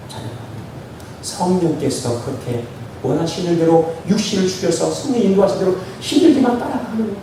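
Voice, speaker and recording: Echoey, lively preaching pastor, high voice. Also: male voice, noisy background. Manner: animated preaching with call-and-response; addresses the congregation constantly. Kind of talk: sermon. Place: church sanctuary. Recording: echoey church hall from far off.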